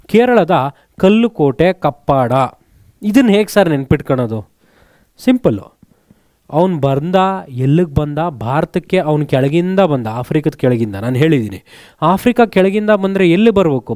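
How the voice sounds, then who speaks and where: Male tutor, mid-high mellow voice, quizzing students and answering himself, close dry mic. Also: no echo. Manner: asks students questions, then answers them himself; mixes English words into his speech. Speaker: teacher. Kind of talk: exam-prep lesson with memory tricks.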